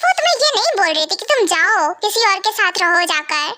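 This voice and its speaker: A woman's voice: very high-pitched, sing-song, fairly quick, sharp tone, no echo, clean studio sound, full character voice. A woman playing a mother who teases and scolds her vampire son in a fan audio drama. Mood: advising. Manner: teasing, scolding.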